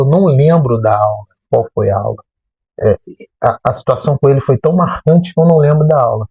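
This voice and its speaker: A man, a math teacher telling a personal story in a lively way and acting out remembered dialogue. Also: mid-range voice, husky, dry recording, low-quality recording. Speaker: math teacher and channel host.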